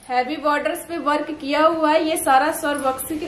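A woman's voice: sits high, fairly even intonation, moderate pace, a bit bright. A woman presenting fabric items one by one in a showroom, praising each in repetitive phrases. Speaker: product presenter. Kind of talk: product showcase. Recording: roomy echo with faint noise.

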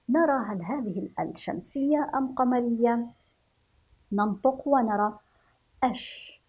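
A woman from Yemen teaching a children's reading lesson, spelling syllables slowly and repeating each word for the class to follow, with gentle praise. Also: on the high side, slightly rough. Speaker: primary school teacher.

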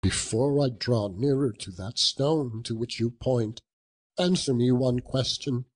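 A man's voice: mid-range voice, a little slow, warm tone, breathy edge, pitched above the performer's own voice. A man reading a storybook voices Scrooge, an old male miser, fearful and imploring. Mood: pleading. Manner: earnest, imploring.

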